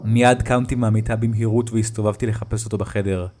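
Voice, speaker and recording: A man telling a first-person creepy story in a tense, hushed retelling. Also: lowish voice, steady tone. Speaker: narrator. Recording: music bed behind the voice.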